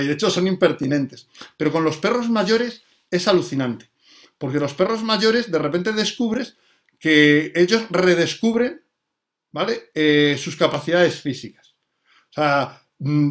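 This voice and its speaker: Brief: man with a high voice, a dog trainer in a loose live Q&A, always checking that people follow. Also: fairly bright tone. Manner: explanatory, often checks in with "vale" and "sabes". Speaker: dog trainer answering viewer questions. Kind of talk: live explanatory talk.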